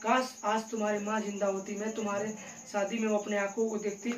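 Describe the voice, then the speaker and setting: A man's voice: sits high, level tone, a little fast, reverberant, far from the mic, a little hiss or hum, natural voice, poor audio. A man voicing a tearful father, wistful about his late wife at his daughter's wedding.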